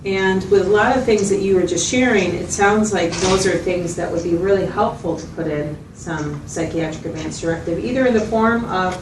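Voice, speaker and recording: Lightly acting the role of a supportive clinician, a woman with a lowish voice explains and reflects back at a normal speed with hardly any pauses, checking in with the listener during a conversational clinical interview. It's recorded on a distant mic with room echo and loud noise.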